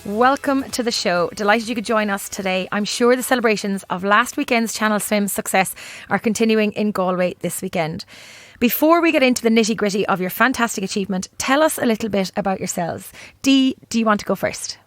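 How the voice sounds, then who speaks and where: A woman's voice: mid-range voice, a little fast, no room sound. A woman with an Irish accent, presenting and interviewing as a podcast host. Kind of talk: scripted introduction and interviewing.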